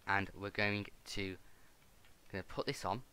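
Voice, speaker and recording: Man, let's-play host, very bright tone, smooth and clear. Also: lowish voice, measured pace. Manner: hesitant, thinks aloud with repeated restarts. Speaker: gaming video host. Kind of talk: casual let's-play commentary.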